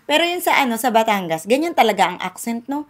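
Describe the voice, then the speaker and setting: A woman's voice: fairly high pitch, sing-song, fast. A woman from the Philippines hosting a podcast in a casual, chatty way, laughing often and acting out quotes. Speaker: podcast host. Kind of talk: casual chat.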